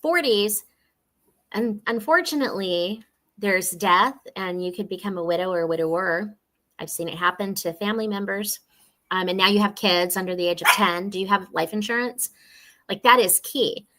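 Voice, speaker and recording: Here a forties-aged financial specialist talks over video from her home while a dog barks nearby. Her voice sits at medium pitch and moves at a moderate pace, and in this casual interview she comes across as earnest, laughing easily as she gives warm, chatty explanations.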